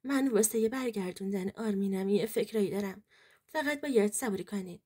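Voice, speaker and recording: A woman reading a male lawyer in a story, giving measured, reassuring advice in her own mellow voice. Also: medium pitch, breathy edge, natural voice. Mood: persuasive. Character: male lawyer, calm, scheming, persuasive.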